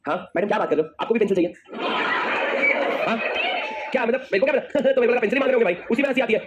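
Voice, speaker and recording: A man teaching a class, energetic and teasing his students, then dictating slowly. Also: very high-pitched, dull audio. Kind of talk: lively classroom lecture. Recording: noisy classroom with class chatter. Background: students murmuring.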